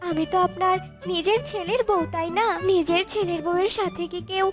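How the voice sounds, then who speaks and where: Cartoon young wife, patient and pleading, very high voice, from a woman, music behind. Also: fairly even intonation, a little fast. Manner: pleading, reproachful. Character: young, tired, patient daughter-in-law and mother. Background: background music.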